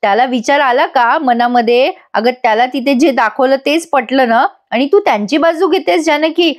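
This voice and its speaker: An upset young husband pleads and snaps in exasperated bursts, as a woman reads his part. The voice sits rather high. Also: moderate pace, close to an everyday voice. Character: angry hurt young husband.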